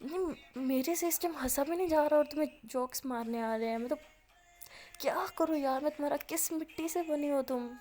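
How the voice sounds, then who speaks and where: A woman voicing a young woman who is emotional and scolds her love, her voice rising in pitch. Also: fast, mellow, lightly acted. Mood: exasperated.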